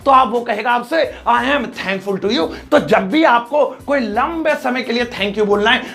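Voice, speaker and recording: A man with a high voice teaches English usage in a lively lesson. He jokes and acts out small scenes, then says each example phrase slowly and with care.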